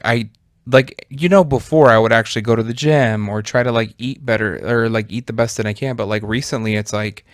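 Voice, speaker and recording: Reflective man in his thirties, mid pitch. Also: dry recording, clean studio sound. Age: 30s. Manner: reflective, rambling with many fillers. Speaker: podcast co-host. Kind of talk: casual chat.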